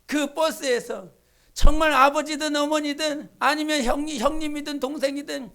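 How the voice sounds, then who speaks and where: A woman pastor preaching a Sunday sermon in a church, swinging from hushed asides to fervent, shouted pleas. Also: high voice, fairly even intonation, moderate pace, gravelly. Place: church sanctuary.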